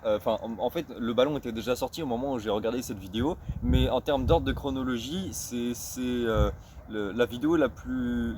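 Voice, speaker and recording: A man casually explaining in a vlog who often stops to search for words and repeats himself, and who reads English phrases slowly and self-consciously. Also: mid-range voice, a little mellow, slight background noise. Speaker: street football vlogger.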